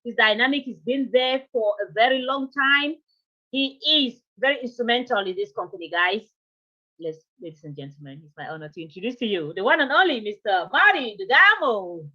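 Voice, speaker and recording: Upbeat woman running a webinar, fairly high voice, kinda muffled video call sound. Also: fairly quick. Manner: energetic, greets viewers by name, laughs often. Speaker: webinar host. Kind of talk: upbeat live webinar hosting.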